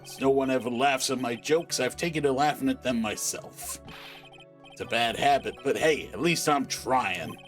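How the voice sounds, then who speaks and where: A man putting on a deep-voiced sad clown. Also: normal speed, faint music behind, close to an everyday voice. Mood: glum. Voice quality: deep, mopey voice. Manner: rambling self-pitying jokes. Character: washed-up middle-aged male clown witness, sad joker.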